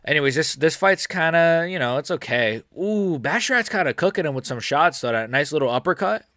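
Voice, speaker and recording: Animated and brisk, a young American man in his early twenties speaks in a high-leaning, bright, forceful voice. He's an MMA YouTuber on a live stream, rambling through chat questions with frequent fillers and laughs, recorded cleanly in a studio with no echo.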